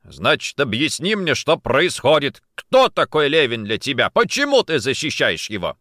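A man's voice: mid-range voice, big pitch swings, moderate pace, sharp tone, no echo, clean studio sound, voice pushed up. A man playing a cold, bitter investigator. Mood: angry accusing. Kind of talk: audiobook character voicing.

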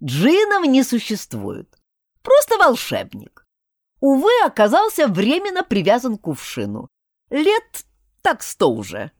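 A woman's voice: fairly high pitch, wildly swooping pitch, a little slow, no echo, studio quality, full character voice. A woman voicing a theatrical young genie-wizard. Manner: theatrical, indignant and flowery. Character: grumpy sardonic young male spirit-wizard.

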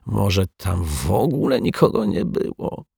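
A man's voice: low voice, very animated, measured pace, vocal fry, warm tone, slightly rough, no room sound, clean studio sound, exaggerated voice. A man reading a children's story, voicing a confused building caretaker who hesitates and stammers as he talks. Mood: flustered.

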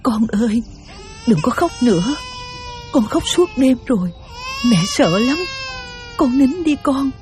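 A woman's voice: high-pitched, very animated, slow pace, long pauses, a little mellow, a little hiss or hum, exaggerated voice. A woman playing a humble poor young mother. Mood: sobbing. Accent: Southern Vietnamese. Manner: humble, polite, pleading.

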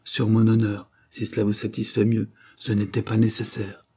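A man voicing a calm, principled gentleman in an audiobook, measured and restrained. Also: fairly low pitch, breathy edge. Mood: firm, calm. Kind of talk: audiobook character reading.

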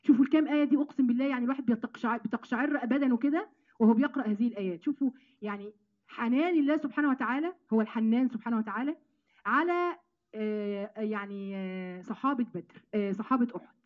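A woman with an Egyptian accent giving an animated Quran lesson to women, addressing them as sisters. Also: on the high side, racing, phone-quality sound. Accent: Egyptian Arabic. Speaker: Quran teacher.

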